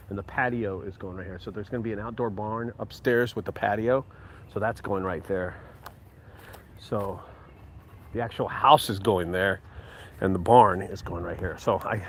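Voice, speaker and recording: A business owner in his forties, with a lowish voice, chats casually while showing off his open rural land outdoors in a vlog walkthrough. He runs a junk removal company, sounds relaxed, and throws in "dude." Slight background noise is audible.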